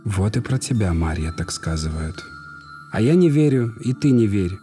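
A man reading a fairy tale aloud, voicing a brave young man who speaks gently and firmly to reassure. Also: fairly low pitch, very animated, normal speed, soft background music. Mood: tender.

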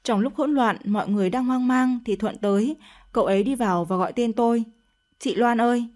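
A woman's voice: a little high, quick pace, darkish tone. A woman narrating a dramatic first-person story in an emotional, confessional tone.

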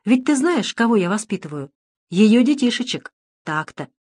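Woman voicing elderly male priest, wise, gentle, firm, folksy, audiobook. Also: a little high, very animated, moderate pace. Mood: earnest.

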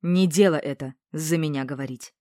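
A woman reading a novel aloud, voicing a stern, weary male village headman in a low, quiet voice. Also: moderate pace, no echo, clean studio sound, natural voice.

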